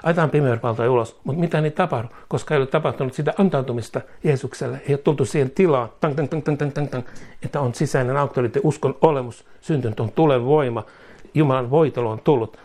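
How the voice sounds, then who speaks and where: A man's voice: mid-range voice, a little mellow. A man preaching a sermon, emphatic and repetitive, rising into fervent prayer.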